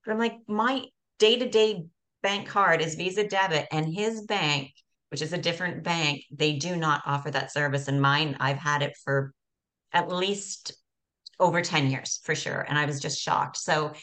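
A middle-aged woman from Canada, hosting a podcast, chatty and animated with frequent restarts. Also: sits low, normal speed. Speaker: podcast host. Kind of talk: casual interview.

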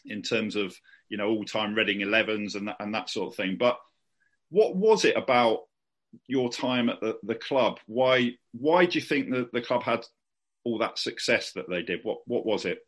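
A man's voice: lowish voice, moderate pace, a bit bright. Chatty male podcast host. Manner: chatty, rambling questions full of restarts. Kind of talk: casual podcast interview.

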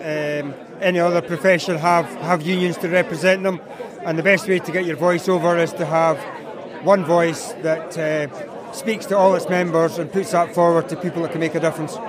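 A Scottish farmer speaks with hesitation and many fillers. His voice sits high for a man. A crowd murmurs behind him. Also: steady tone, normal speed. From East Lothian, Scotland. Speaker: livestock and arable farmer.

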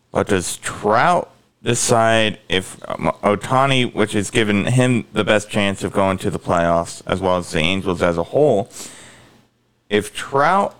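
A man's voice: fairly low pitch, a bit bright, clear, resonant tone. A man co-hosting a podcast in casual sports chat, rambling on and putting questions to his co-host.

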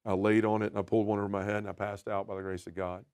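A man appears as a podcast guest sharing his personal testimony, earnest and emotional, frequently sinking into a soft, quiet voice. His voice is lowish and smooth with little pitch movement, and he talks at a racing pace.

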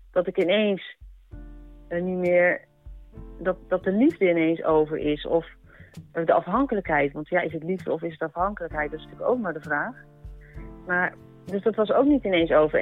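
Woman, personal testimony, halting, many fillers and restarts, tinny phone-like audio, faint background music. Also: on the low side. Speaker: storyteller recounting a personal experience. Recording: narrow phone-like sound with faint music behind.

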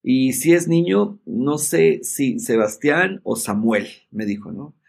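A middle-aged man, a podcast guest telling a story in a lively way and acting out the voices in it. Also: medium pitch, slow, gravelly, slightly rough. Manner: animated storyteller, acts out quoted dialogue. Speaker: podcast guest, entrepreneur and speaker. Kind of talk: casual storytelling chat.

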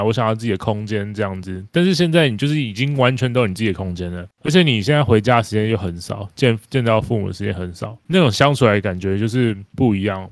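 A young man talks on a podcast in an easygoing, reflective way, in a lowish voice. He speaks quickly, and the sound is dry with no room echo. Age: young adult. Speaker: podcast co-host. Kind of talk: casual podcast chat.

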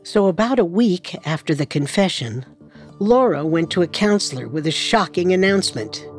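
A woman narrating a true crime podcast in a measured, dramatic scripted style. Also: on the low side, lively intonation, faint music behind.

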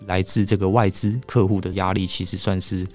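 A man's voice: low-pitched, flat delivery, brisk, a little mellow, faint music behind. A man with a Taiwanese accent talking casually as a journalist guest, explaining his reporting. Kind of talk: casual explanatory podcast talk.

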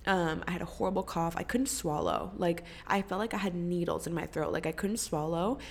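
This podcast host, a young woman, sounds stuffed up and coughs as she rambles casually and curses without restraint. She talks a little fast in a fairly low, creaky voice with a darkish tone.

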